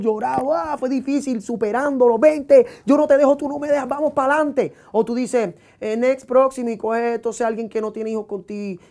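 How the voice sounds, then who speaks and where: A man's voice: high-pitched, darkish tone. A man being interviewed as a singer, talking in a rambling, playful way, repeating himself and stuttering over words. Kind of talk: casual interview chat.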